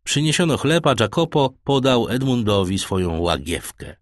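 A man giving measured scripted narration of an audiobook. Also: mid-range voice, big pitch swings, no echo, studio quality.

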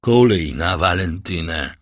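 A man voicing a frantic, grief-stricken middle-aged prosecutor and father in an audiobook, with desperate, shouting outbursts. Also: deep voice, animated, slow pace, dry recording, studio quality. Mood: despairing. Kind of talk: audiobook character voice.

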